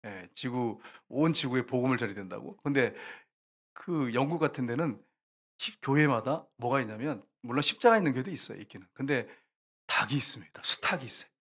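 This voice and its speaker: A man's voice: medium pitch, animated, brisk. A male pastor preaching a sermon, telling a story vividly, acting out voices and rooster crows, and often speaking straight to the congregation. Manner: often addresses the congregation directly.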